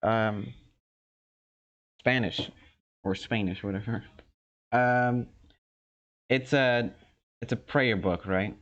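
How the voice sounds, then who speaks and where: Slow, hesitant young man, lo-fi sound. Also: medium pitch, steady tone. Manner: slow, hesitant, many ums and restarts. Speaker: podcast co-host. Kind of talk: casual chat. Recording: dull lo-fi sound.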